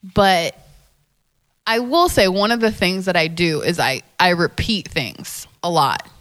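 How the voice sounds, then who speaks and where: A lower-pitched woman talks as a guest in a relaxed interview. She is a dating coach who thinks aloud, circling back over her own words, and she laughs easily. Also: measured pace. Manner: thoughtful, repeats words, laughs often. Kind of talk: casual interview chat. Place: lives in New York.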